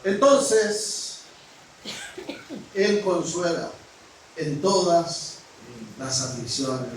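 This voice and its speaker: A man preaching a sermon as pastor, frank and direct with his congregation, swinging from loud exclamations down to a hush. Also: a little high, slight background noise. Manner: preaching with rising exclamations and sudden drops to a hush. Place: church hall. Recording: echoey hall, mic at a distance.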